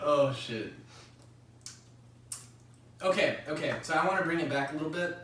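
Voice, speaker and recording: A young man hosting a casual podcast chat, an excitable storyteller who swears freely and laughs mid-sentence. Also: fairly high pitch. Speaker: podcast host. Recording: roomy echo, far from mic, faint noise.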